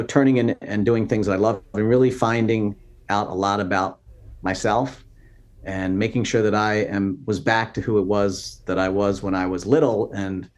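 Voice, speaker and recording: A man in his fifties speaks as a podcast guest, his voice sitting on the low side. He talks earnestly and in an inspirational way, in a relaxed interview manner. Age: 50s. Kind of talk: casual interview talk.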